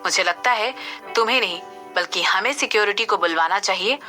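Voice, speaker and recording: A woman's voice: mid-range voice, a little fast, sharp tone, soft background music, natural voice. A woman doing a firm, protective young man.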